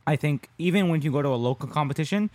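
This man's voice sits fairly high with a darkish tone, and he talks fast with lively intonation. As a podcast co-host and jiu-jitsu competitor, he discusses his sport conversationally, frequently tossing in "right?" to his listeners. No room sound is audible.

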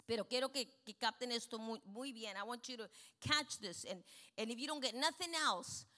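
A middle-aged woman preaching a bilingual sermon in Spanish and English, emphatic, peppering her lines with amens and slowing down on key points. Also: on the high side, sharp tone. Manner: switches between Spanish and English, frequent amens.

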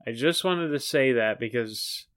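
Earnest podcast man, smooth clear voice. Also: mid-range voice, unhurried, fairly bright tone. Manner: earnest, keen to correct himself. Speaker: podcast co-host. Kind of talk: casual chat.

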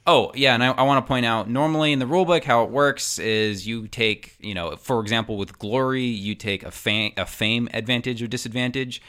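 A man hosting a tabletop game podcast as game master, upbeat and quick to laugh, explaining the rules in a loose, easygoing way. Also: mid-range voice, a bit bright. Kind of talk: casual tabletop podcast chat.

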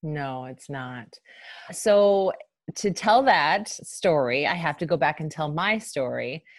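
A woman's voice: low voice, animated, slow, no echo. A woman, a life coach and podcast guest, telling her personal story in a frank, informal, conversational way.

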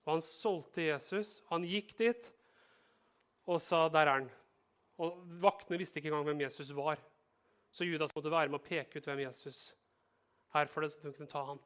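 A male pastor preaches in a smooth, fairly high voice, keeping things lively and conversational with some humor, as though talking directly to each listener.

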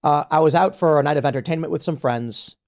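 A man's voice: a little high, quick pace, a little mellow. A man in his thirties from the United States, hosting a podcast and telling an indignant story full of restarts and repeated words. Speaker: podcast host. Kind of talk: casual podcast conversation.

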